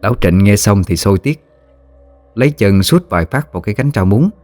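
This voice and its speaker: A man narrating a horror story in a steady, measured way. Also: lowish voice, no echo, faint music behind.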